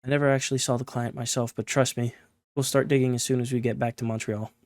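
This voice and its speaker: A man reading the lines of a gruff, tired male mercenary in a text-based game. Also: mid-range voice, flat delivery, quick pace, a little mellow, no echo, studio quality, natural voice. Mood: blunt.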